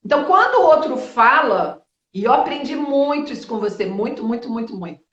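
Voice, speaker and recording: A high-pitched woman in her fifties talks as a guest on a live stream, blunt and lively, with mild swearing and quick asides. The audio is dull and lo-fi, and her voice echoes in the room. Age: 50s. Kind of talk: live-stream interview, casual talk. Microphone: video call.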